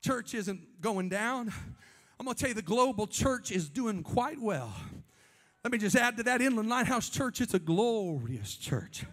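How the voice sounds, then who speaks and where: Give me a high-pitched male preacher in a church, fervent, calling on the crowd for amens. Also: very animated, unhurried. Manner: fervent preaching, swings between shouting and hushed asides; calls on the congregation for amens and responses. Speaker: Pentecostal preacher. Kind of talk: sermon. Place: church sanctuary before a congregation.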